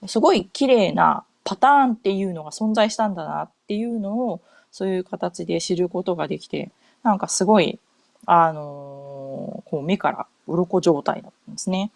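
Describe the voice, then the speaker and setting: A woman's voice: lowish voice, normal speed, creaky, no echo. A middle-aged woman from Japan hosting a casual podcast chat, talking in a loose, rambling way with many fillers and self-corrections. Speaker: podcast host. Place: home in North America.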